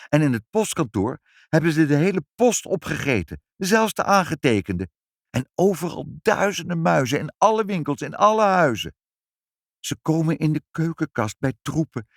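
A man's voice: dry recording, clean studio sound. Een man die met hoge, beweeglijke stem een moeder uit een kinderverhaal speelt. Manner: animated, high, expressive. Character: lively, caring mother in a storybook.

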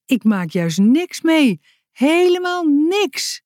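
A woman's voice: on the high side, expressive, moderate pace, a little mellow, no echo, studio quality, voice pushed up, close to an everyday voice. Woman doing an earnest little boy in a storybook. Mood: insistent. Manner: earnest, insistent. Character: small boy, earnest and stubborn.

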